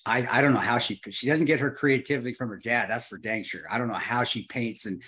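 A man's voice: mid-range voice, fairly quick, pushed and bright, slightly rough. A man in his early fifties, an interview guest, talking earnestly and reflectively, often restarting and repeating words. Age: 50s. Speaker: guest, former Army Ranger and firearms instructor. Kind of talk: reflective conversational storytelling.

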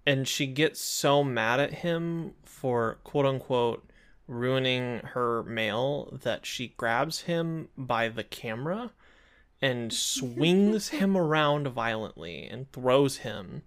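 Laid-back man with a gravelly voice. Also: mid-range voice, expressive, takes it slowly, fairly bright tone. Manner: laid-back, hesitant, many fillers and restarts. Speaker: podcast co-host. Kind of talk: casual chat recapping a cartoon episode.

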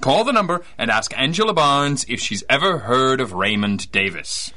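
An actor playing a cocky, wisecracking male private detective, deadpan and teasing, in old-time radio drama style. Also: mid-range voice, normal speed. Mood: dry, wry.

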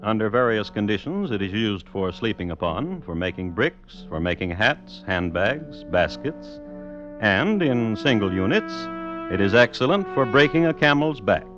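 Wry male narrator, low voice, lo-fi old radio recording. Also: very animated, moderate pace, over music. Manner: dry and wry. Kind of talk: scripted narration.

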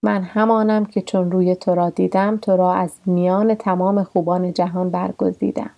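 A woman's voice: on the low side, flat delivery, gravelly, dark tone, muffled recording. A woman reading the lines of a heartbroken aged woman who pleads sorrowfully, in a storybook telling. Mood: pleading.

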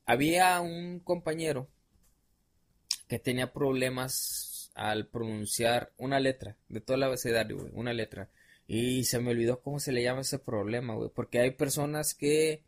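A young adult man with a Mexican accent, a podcast guest telling stories in a casual, rambling, slang-heavy way with many fillers. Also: mid-range voice. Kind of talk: casual storytelling chat.

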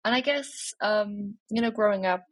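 A young woman from Wales, whose first language is Cantonese, speaks reflectively as an interview guest, with many fillers and restarts. Her voice is medium in pitch at a moderate pace, and the recording is dry.

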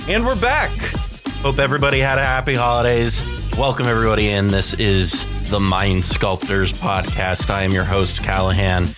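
A young man hosting a podcast in a relaxed, chatty way, full of fillers and laughs. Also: lowish voice, normal speed, music in the background. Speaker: podcast host. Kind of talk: casual podcast chat.

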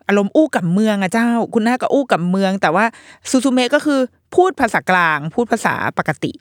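A woman in her thirties hosting a podcast, chatting casually in an animated, slangy way as she reviews a film. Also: mid-range voice, no room sound, clean studio sound. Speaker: podcast host.

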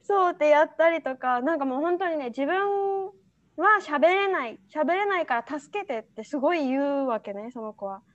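High-voiced woman, laughing storyteller. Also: normal speed. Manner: laughs often, animated storytelling. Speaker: podcast co-host. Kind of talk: casual chat. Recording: dull lo-fi sound.

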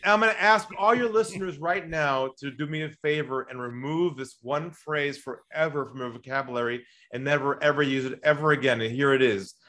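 A man who is a sales trainer on a podcast, telling stories and acting out phone calls, dropping to a calm low voice and jumping to excited high bursts. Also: fairly quick, few pauses. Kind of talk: podcast conversation, storytelling.

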